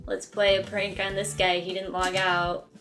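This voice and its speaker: A sarcastic woman chatting through a video game, teasing and joking as she plays. Her voice sits in a middle pitch, and faint music plays beneath. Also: level tone, normal speed. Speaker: let's play host. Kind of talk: casual game commentary.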